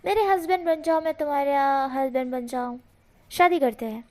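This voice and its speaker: A woman voicing a sly, flirting male fox spirit with a slow, teasing drawl, in a storybook reading. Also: high-pitched, a little mellow, close to an everyday voice.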